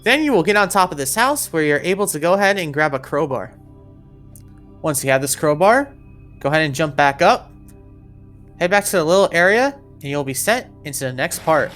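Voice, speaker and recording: A woman with a low, fairly bright voice briskly and animatedly walks players through a video game, giving step-by-step, directive instructions in a voice-over. Faint music plays behind her.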